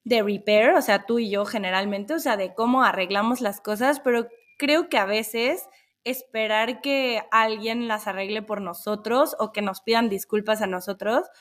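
A Mexican woman in her thirties, co-hosting a podcast in casual chat, supportive and quick to agree. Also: medium pitch, fairly even intonation, a bit bright. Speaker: podcast co-host.

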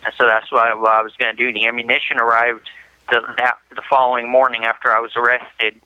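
A young man talking on a prison payphone line, in a flat, halting way with restarts. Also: mid-range voice, clear, resonant tone, no room sound. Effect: prison payphone call line. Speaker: prison inmate. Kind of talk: interview over a prison phone. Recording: muffled prison phone line.

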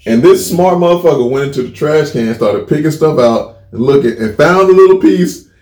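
A man's voice: fairly high pitch, animated, normal speed, a little mellow. A man co-hosting a podcast, telling a long casual story with swearing and many restarts. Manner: rambling, profane, many restarts. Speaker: podcast co-host. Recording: roomy echo.

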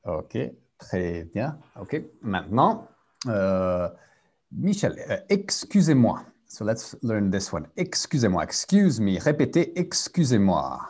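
A man's voice: lowish voice, very animated, slow pace, darkish tone, slightly rough. A man teaching a live French group lesson over a video call, switching between French and English and drilling repetition.

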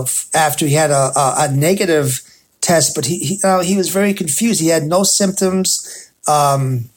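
A man hosting a sports radio show, talking in a halting, hesitant way with frequent pauses. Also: fairly high pitch, breathy edge. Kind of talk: loosely scripted sports talk commentary.

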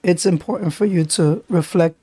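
A man with a New York accent hosting a podcast, his voice raspy because he is sick; he talks in long, thoughtful, run-on sentences. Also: sits high, normal speed, dark tone, no room sound. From the Bronx. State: sick, under the weather. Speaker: podcast host. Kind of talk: casual chat.

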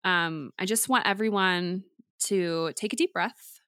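A woman co-hosting a podcast, chatting casually and leading a calm guided breathing exercise with steady, affirming talk. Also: fairly low pitch, measured pace, no echo, studio quality. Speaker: podcast co-host.

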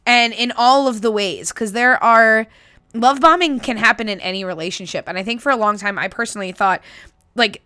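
A woman's voice: fairly high pitch, brisk, bright, forceful tone, smooth, no echo. A woman hosting a chatty solo podcast in a casual, cheeky, sweary way, her voice nasal and congested as if she has a sniffly nose. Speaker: podcast host.

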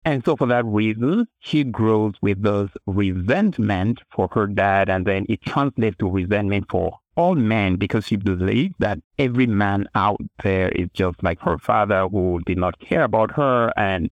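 Man with a lively, dry voice. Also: fairly low pitch, a little slow, few pauses, no room sound. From Cameroon. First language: a language other than English. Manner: earnest, storytelling, many restarts. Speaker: author and guest. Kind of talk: interview answers.

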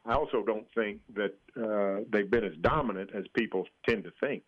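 A dull, band-limited radio line carries an American man's voice. He gives sports analysis as a guest, measured and matter-of-fact, pausing as he reasons. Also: fairly low pitch.

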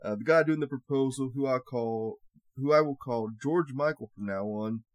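A man's voice: medium pitch, moderate pace, no room sound. A young man co-hosting a casual chat, reading a story aloud in an easygoing way with laughs. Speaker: podcast co-host.

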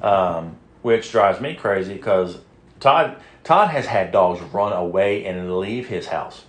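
A man's voice: low voice, expressive, takes it slowly, reverberant. A man hosting a podcast, chatting casually in a rambling, jokey and crude way. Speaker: podcast host. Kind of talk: casual chat.

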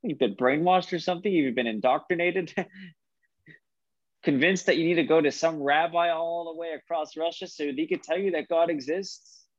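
A man's voice: on the high side, measured pace, dry recording, lo-fi sound, voice pushed up. A man voicing a skeptical older father-in-law who scoffs and challenges, told within a lesson. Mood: scoffing.

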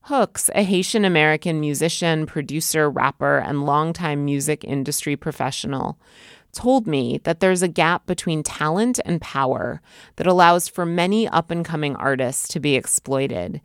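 A woman host delivering measured, scripted podcast narration. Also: low-pitched, clear, resonant tone, no echo, clean studio sound.

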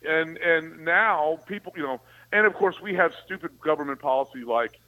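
A man's voice: a little high, normal speed, bright, forceful tone, poor audio. A man giving opinionated political talk as a commentator, with a sarcastic, conspiratorial ranting manner.

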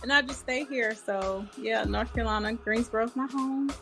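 A woman from Virginia, a guest in a casual chat, excitable and quick to laugh. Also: a little high, faint music behind. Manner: excitable, bubbly, laughs often.

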